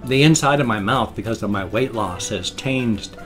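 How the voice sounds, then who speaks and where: His voice is on the low side yet fairly bright, moving at normal speed with faint music in the background. The man is a vlogger showing pet hamsters from a room in his house via a webcam, rambling casually, repeating himself, and slurring slightly because his dentures fit poorly.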